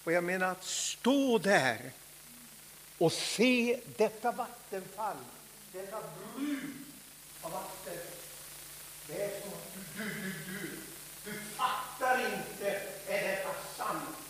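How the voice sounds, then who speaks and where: A man preaching a fervent Pentecostal sermon, swinging from hushed asides to loud shouts. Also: high voice, animated, noisy background. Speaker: pastor. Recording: long hall reverb.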